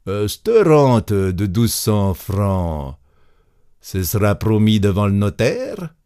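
A man voicing a cautious old peasant farmer who asks slowly and warily. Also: lowish voice, big pitch swings, dark tone, clean tone. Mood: wary.

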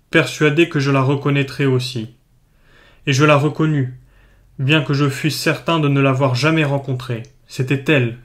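A man reads a classic short story aloud in a measured, lyrical manner. His voice sits in an ordinary middle pitch, and he lets the long sentences unfold steadily. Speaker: narrator. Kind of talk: literary audiobook reading.

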